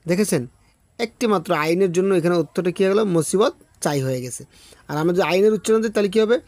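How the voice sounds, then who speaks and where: Guy teaching quran recitation, kinda high voice, dry close sound, keeps asking okay?. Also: darkish tone, no room sound. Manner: explains step by step, checks in with "okay?"; chants Arabic verses slowly and drawn out. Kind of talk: online class lesson.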